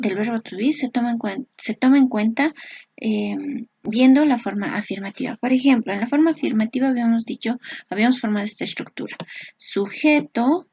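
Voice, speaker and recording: Patient woman teaching a slow grammar lesson. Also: a little high, a little mellow, breathy edge. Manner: slow, patient explaining with frequent check-ins. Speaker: English teacher.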